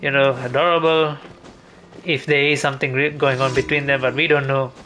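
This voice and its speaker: Video game music plays as a streamer chats loosely during gameplay, thinking aloud in a rambling, halting manner. He speaks at a medium pitch with a level tone and fairly quick pace, his voice pushed and bright, and the recording is rough.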